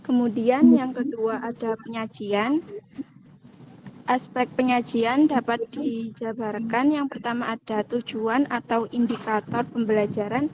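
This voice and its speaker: A woman's voice: on the high side, steady tone, measured pace, a little mellow, highs cut off. Young woman explaining class material over noise. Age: young adult. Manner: explains in her own words with fillers. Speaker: student presenter. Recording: noisy classroom recording.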